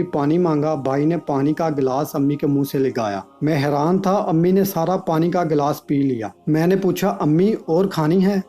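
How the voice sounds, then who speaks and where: A man's voice: on the high side, warm tone. A man narrating an emotional first-person moral story in an earnest storytelling manner.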